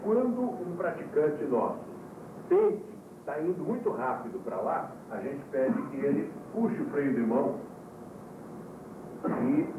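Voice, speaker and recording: A man who is a yoga teacher lectures to his students, explaining calmly and jumping up in pitch when he stresses a point, heard from an old VHS tape. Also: measured pace. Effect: old VHS tape recording. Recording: tinny, roomy, distant, hissy old VHS tape.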